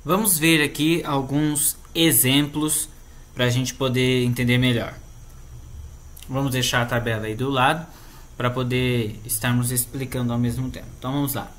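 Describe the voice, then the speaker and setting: A man's voice: mid-range voice, steady tone, moderate pace, fairly bright tone. A man with a Brazilian Portuguese accent patiently explaining a grammar lesson, often checking in with the listener. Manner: patient, explanatory, tags sentences with "né?". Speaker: Spanish teacher.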